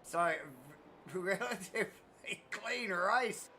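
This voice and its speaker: A man with a high, sharp voice commentates a simulated motor race live. He keeps the talk chatty and conversational, asking his co-commentator what he sees, and his tone stays bright and forceful throughout. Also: drawn-out words, a little hiss or hum. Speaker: sim racing commentator.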